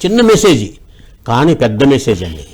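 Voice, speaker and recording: A man telling short moral tales with lively voice changes and mimicry. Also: medium pitch, a little fast. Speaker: storyteller guest. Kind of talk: animated storytelling.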